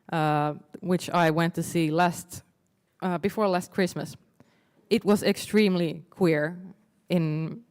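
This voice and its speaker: Audience member, hesitant, clear smooth voice, long hall reverb. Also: mid-range voice. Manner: hesitant, with many fillers. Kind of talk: casual comment from the audience. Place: convention hall.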